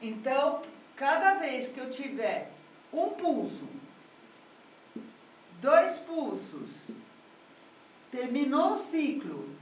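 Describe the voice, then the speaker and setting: A woman's voice: sits high, sing-song, very slow, long pauses, slight background noise. A woman music teacher explaining harmony in a patient, step-by-step lesson. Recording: echoey room, mic at a distance.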